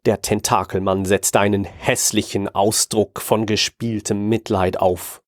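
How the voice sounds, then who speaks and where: Male narrator for a horror audiobook, low voice, calm and measured, very dry close recording. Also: no echo. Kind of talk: scripted first-person horror story reading.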